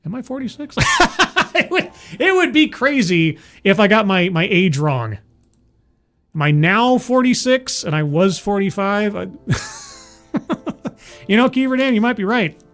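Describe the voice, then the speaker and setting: A man in his 40s runs a livestream with soft music in the background, chatting casually with viewers and the live chat. He is rambling and self-deprecating and laughs often, and his high-sitting voice is expressive, unhurried and a bit bright.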